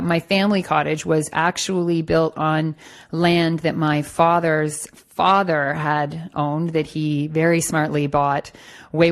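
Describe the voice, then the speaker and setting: A middle-aged woman from Toronto, Canada, with a low, gravelly voice, is a magazine editor appearing as a podcast guest. She gives relaxed interview answers in a loose, conversational style with fillers and restarts.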